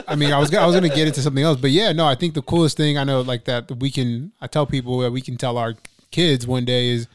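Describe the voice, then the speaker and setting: A young man in relaxed, casual podcast chat, swearing freely and restarting his sentences. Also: mid-range voice, clear, resonant tone, no room sound, clean studio sound. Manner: laid-back, swears casually, trails into restarts.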